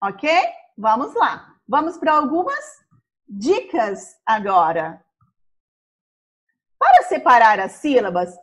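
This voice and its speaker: A Brazilian woman teaching a primary school class, sounding out words slowly syllable by syllable. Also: sits high, fairly bright tone. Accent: Brazilian Portuguese. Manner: slow, syllable-by-syllable explaining.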